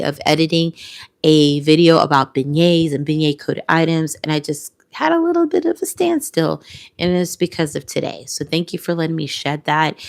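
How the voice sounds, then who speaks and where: Woman, tearful, heartfelt vlog, low-pitched, gravelly fry. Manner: heartfelt, repeats phrases, drops to whispers. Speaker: content creator. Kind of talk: emotional reflective vlog.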